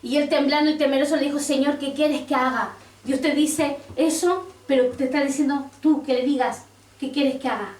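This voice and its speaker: A woman's voice: sits high, fairly even intonation, moderate pace, darkish tone. A woman pastor preaching a sermon, quoting scripture and asking the congregation questions. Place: church. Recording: roomy church sound from a distance.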